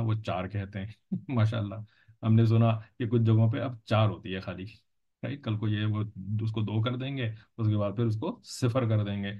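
A man teaching a religious lesson in an explanatory lecture style, patiently repeating points and checking that listeners follow. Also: on the low side. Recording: dull lo-fi recording.

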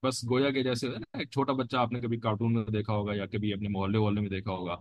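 A man's voice: fairly low pitch, flat delivery, fast, no room sound. Dry-voiced man teaching a sermon. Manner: explanatory, repeats phrases, frequent "theek hai" check-ins. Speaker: religious teacher. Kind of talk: Islamic sermon lecture.

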